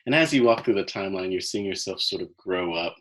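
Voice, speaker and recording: A man coaching listeners through a guided visualization, speaking slowly and soothingly, with soft trailing phrase ends. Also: low voice, low-quality recording.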